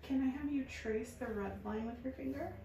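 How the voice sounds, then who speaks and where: A woman doing a soft-spoken ASMR role-play as a medical examiner, calm, reassuring and procedural. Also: high voice, moderate pace, vocal fry. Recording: roomy echo, faint background noise.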